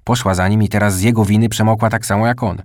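A man reading a children's story aloud in calm, scripted narration. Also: lowish voice, fast, no room sound, studio quality. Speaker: audiobook narrator.

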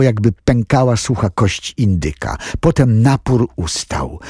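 A man reading a thriller audiobook as scripted narration, telling the story dramatically in a husky voice. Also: mellow, no room sound, clean studio sound. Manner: dramatic storytelling with wide swings in pitch.

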